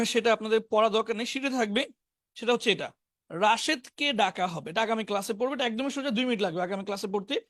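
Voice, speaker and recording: A man teaching spoken English in an online class, briskly drilling words and their meanings. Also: high-pitched, fairly bright tone, no echo, clean studio sound. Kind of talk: online class lesson, reading word lists.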